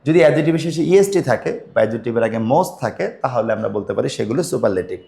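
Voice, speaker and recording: A man with a Bangladeshi accent explaining grammar to students in a patient lesson, repeating key words slowly. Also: mid-range voice, lively intonation, vocal fry, mellow. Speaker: English grammar teacher.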